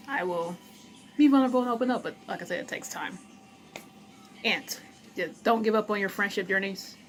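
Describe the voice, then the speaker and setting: A woman vlogs straight to her camera in a casual, blunt way. She speaks at an ordinary middle pitch and gives frank encouragement, stopping now and then to chew. A light room hiss sits under her voice. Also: a bit bright, rough recording. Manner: blunt, encouraging, eats while talking. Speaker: vlogger.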